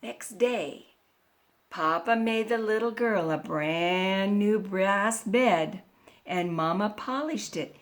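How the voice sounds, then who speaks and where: A woman reading a children's picture book aloud, slow and expressive, with playful animal noises. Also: mid-range voice, a little hiss or hum. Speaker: storyteller.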